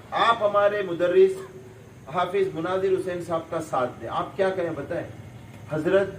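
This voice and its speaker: High-voiced scholar in an echoey hall. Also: male voice, far from the mic, a little hiss or hum. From Kerala, India. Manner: asks rhetorical questions and answers them; drills pronunciation by repeating sounds. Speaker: visiting Islamic scholar. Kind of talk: speech to parents. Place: madrasa hall.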